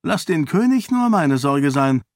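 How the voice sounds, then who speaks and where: A man's voice: fairly high pitch, very animated, a little slow, no room sound, studio quality, pitched above the performer's own voice. A man voicing a resolute young noblewoman who talks earnestly and persuasively in an audiobook. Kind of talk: audiobook character voice.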